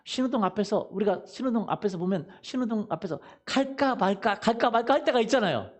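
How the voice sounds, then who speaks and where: A man's voice: high voice, lively intonation, fast talker. A male pastor giving a Sunday sermon, quizzing the congregation with fill-in questions and repeating "hallelujah" and "right?". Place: church sanctuary.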